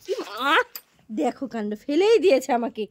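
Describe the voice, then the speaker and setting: High-voiced woman vlogging at home. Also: big pitch swings, moderate pace, noisy background. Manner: chatty, talks to viewers and to her pet. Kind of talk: casual home vlog narration.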